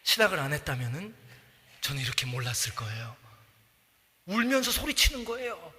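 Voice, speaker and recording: A middle-aged man preaching a sermon as a pastor in a church, animated, acting out voices and shouting at times. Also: fairly high pitch, brisk. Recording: long church reverb.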